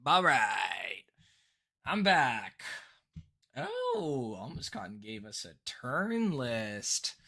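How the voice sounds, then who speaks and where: A man casually talking through viewer-submitted card decks on a live stream, rambling and excitable, with plenty of fillers and restarts. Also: medium pitch, very slow. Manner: rambling and excitable, full of fillers and self-corrections.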